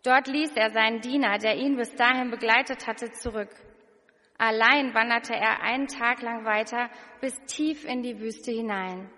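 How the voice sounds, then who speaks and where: Woman preacher, slow and earnest, bright voice, long hall reverb. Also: fairly high pitch, fairly even intonation. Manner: slow, earnest, questioning the listener directly. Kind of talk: sermon with scripture reading.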